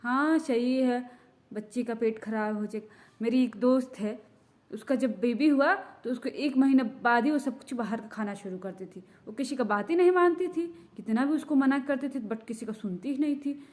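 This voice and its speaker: A woman's voice: a little high, moderate pace, a little mellow, lightly acted. A woman voicing a chatty older grandmother who lectures a young mother with old home remedies. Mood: gossiping. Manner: chatty, lecturing, full of advice.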